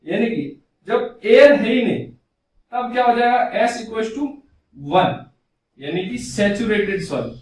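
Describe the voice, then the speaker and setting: A man's voice: high-pitched, animated, slow, a little hiss or hum. Man, whiteboard lecture, encouraging teacher, distant mic, echoey classroom. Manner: asks rhetorical questions and answers them himself; encouraging, addresses students as brother. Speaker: civil engineering exam tutor. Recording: very echoey room, mic far from speaker.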